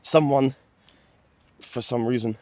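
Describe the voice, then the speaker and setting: A man's voice: mid-range voice, slow, mellow, no echo. A man vlogging on a walk with a phone held at arm's length, chatting in a rambling, joking, self-mocking way. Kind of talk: rambling casual vlog. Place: outdoors on a walk.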